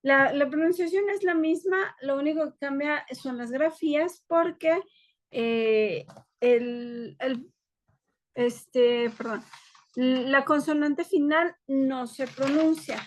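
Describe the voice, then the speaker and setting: Slow, high-voiced woman teaching French. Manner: slow, explains step by step, switches between French and Spanish. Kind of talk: online class lecture.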